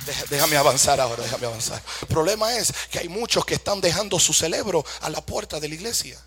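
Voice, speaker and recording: A man's voice: fairly high pitch, expressive, fast talker, a bit bright, in a large hall, faint music behind. A man preaching a fervent sermon, asking rhetorical questions, calling for amens and mixing English phrases into his Spanish.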